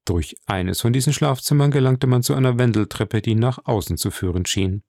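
Gravelly man narrating a novel. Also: mid-range voice, normal speed, a little mellow, no room sound, studio quality. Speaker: audiobook narrator.

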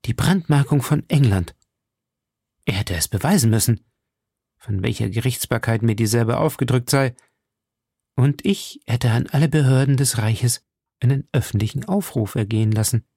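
Guy reading a wronged noblewoman in a storybook, proud, dramatic, gravelly, close dry sound. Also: medium pitch, normal speed, mellow, dry recording. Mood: bitter.

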